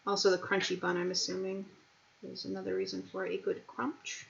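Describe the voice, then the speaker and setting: A woman's voice: fairly low pitch, level tone, a little fast, gravelly. Chatty woman cooking in an echoey kitchen. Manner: chatty, playful, laughs often. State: low energy. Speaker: cooking stream host. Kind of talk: casual cooking chat. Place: home kitchen. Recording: echoey dull home recording.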